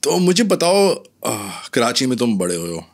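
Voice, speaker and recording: A man on a podcast, casually prompting his friend with relaxed questions. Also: medium pitch, normal speed, crowd noise. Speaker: podcast guest. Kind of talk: casual chat.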